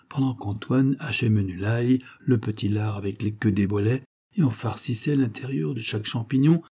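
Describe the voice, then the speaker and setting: A man calmly narrating a novel as an audiobook reader, measured and even. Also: medium pitch, breathy edge.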